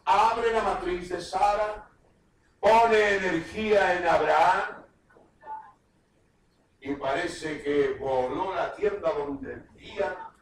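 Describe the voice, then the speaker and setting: High-voiced man preaching fervently in an echoey room. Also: slow pace, pauses often, slight background noise. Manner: fervent preaching, reads scripture aloud with bursts of shouted emphasis. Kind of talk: sermon. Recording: echoey room, voice from far off the mic.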